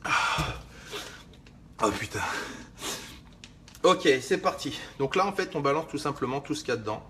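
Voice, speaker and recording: A man's voice: on the high side, animated, fairly quick, pushed and bright, slight background noise. A man vlogging in a casual, slangy way while making a drink in his kitchen, swearing lightly and rambling with asides to the viewer. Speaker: fitness vlogger. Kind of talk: casual video chat while preparing a drink.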